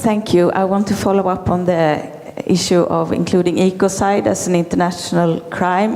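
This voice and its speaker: A woman asking a formal, measured question at a round table. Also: lowish voice, gravelly, warm tone. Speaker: audience questioner. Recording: long reverb of a large hall.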